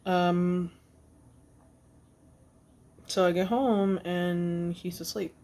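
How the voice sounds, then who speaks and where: A woman recounts a personal story for her vlog in an unpolished, halting way, trailing off and restarting often. Her voice carries a gravelly, creaky edge, and she swears freely and bluntly. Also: fairly low pitch, fairly even intonation, warm tone. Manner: halting, with many fillers and restarts. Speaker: vlogger.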